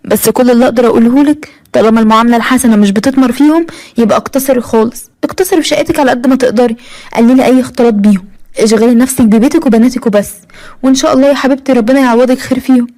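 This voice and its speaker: A gentle Egyptian mother, played by a woman narrator, soothing and counseling in a high, very fast voice. She sounds caring in a storybook cartoon telling. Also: natural voice.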